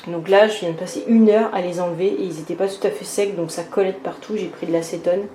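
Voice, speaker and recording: This woman talks fast in a fairly low, steady voice, with background noise and echo around her. A DIY vlogger doing her own bathroom renovation, she speaks casually to the camera, airing her annoyance through many fillers and restarts.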